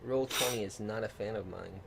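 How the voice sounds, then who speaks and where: A man co-hosting a casual live stream, halting with fillers, his microphone crackling and cutting out. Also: on the low side, vocal fry, a crowd in the background. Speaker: co-host building a fantasy world.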